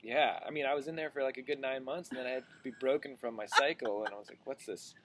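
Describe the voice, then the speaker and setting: A man's voice: medium pitch, fast, crowd noise. A young man from Maine chatting playfully as a guest in an interview. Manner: playful, joking, relaxed. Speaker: guest singer-songwriter. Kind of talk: casual interview chat.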